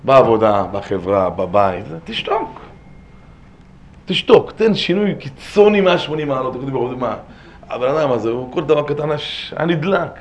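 Impassioned rabbi swinging hushed to loud. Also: male voice, mid-range voice, lively intonation. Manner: repeats words for emphasis. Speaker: rabbi giving a Torah lesson. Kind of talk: impassioned religious lesson.

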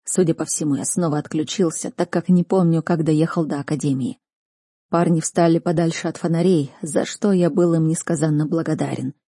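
A woman reading first-person fantasy narration as an audiobook reader, measured and tense. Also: low-pitched, steady tone, dark tone, husky, no echo, clean studio sound.

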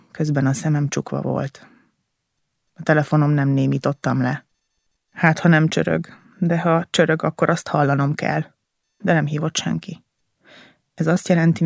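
Gravelly-voiced man reading a novel, dry close sound. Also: fairly high pitch, no echo. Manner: intense, emotional delivery in short halting phrases. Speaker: audiobook narrator. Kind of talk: first-person novel reading.

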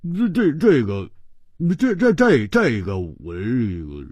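A man's voice: high-pitched, huge pitch swings, normal speed, husky, no echo, voice pushed up, exaggerated voice. A man voicing a flustered, hot-tempered young swordsman who stammers and repeats his words, in a storytelling radio reading.

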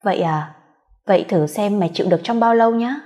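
A woman's voice: medium pitch, fast, warm tone, close to an everyday voice. A woman voicing a bitter, vengeful wife who speaks with cold contempt. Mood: mocking. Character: bitter vengeful wife grieving her son.

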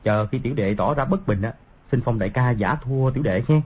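A man voicing a cunning young schemer in an audiobook, plotting in a low, husky voice. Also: a little fast, natural voice. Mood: scheming. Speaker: audiobook voice actor. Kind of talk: audiobook dialogue reading. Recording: dull lo-fi audio.

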